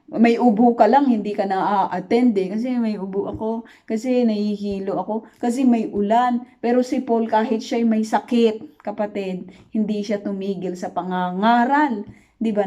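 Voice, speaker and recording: A woman teaching a Bible study in an earnest preaching style. She keeps checking in with her listeners, mixes English words into her talk, and slows down to stress key lines. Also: medium pitch, warm tone. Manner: earnest, asks listeners "di ba?" again and again. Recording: dull lo-fi sound.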